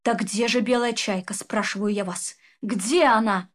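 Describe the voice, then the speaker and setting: A woman's voice: mid-range voice, fairly even intonation, a little slow, natural voice. A woman voicing a stern male headmaster in a storybook reading. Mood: bewildered. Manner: stern, commanding.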